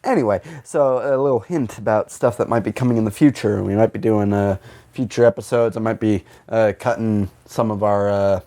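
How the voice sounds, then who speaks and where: A man with a lowish voice speaks fairly quickly as host of a comedic podcast, chatting loosely and casually. He rambles, swears freely, leans on self-deprecating humour, and gets animated when quoting.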